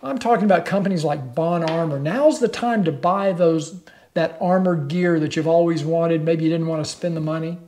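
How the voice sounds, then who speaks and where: A man's voice: fairly high pitch, moderate pace, a little mellow. An older man talking straight to the camera from his living room, hosting a motorcycle channel in a plain-spoken, persuasive way. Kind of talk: direct-to-camera vlog.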